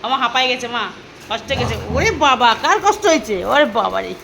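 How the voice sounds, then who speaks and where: Woman pet owner, high voice, coaxing baby-talk with dogs, noisy home phone recording. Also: sing-song, fast talker, vocal fry. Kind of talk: casual home vlog talk to pets.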